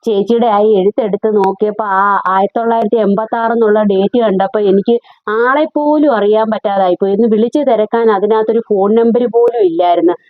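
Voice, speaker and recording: A woman's voice: mid-range voice, fast, no room sound, close to an everyday voice. A woman in her thirties playing a kind-hearted young wife in a comic skit, soothing and reassuring an older neighbor. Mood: consoling. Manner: soothing and reassuring, repeats "chechi". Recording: dull dry recording.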